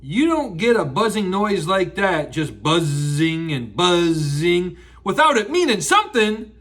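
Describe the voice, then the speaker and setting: A slow-thinking, honey-loving storybook bear played by a man, bright and very expressive. He muses ponderously and repeats himself, in the rambling manner of a grandpa's story. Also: high voice, pitched below the performer's own voice, full character voice. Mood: ponderous musing. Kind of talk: children's storybook read-aloud.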